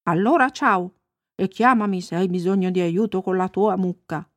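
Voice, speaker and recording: A woman's voice: on the low side, moderate pace, no echo, natural voice. A woman voicing a big, kind dog in a storybook, barking and friendly. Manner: kind and helpful.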